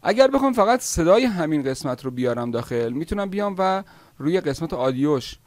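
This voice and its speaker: A man teaching video editing software step by step in a screen-recorded tutorial, pausing often with "uh" as he explains. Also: fairly high pitch, sing-song, dry recording. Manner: step-by-step explaining, with frequent "uh" pauses.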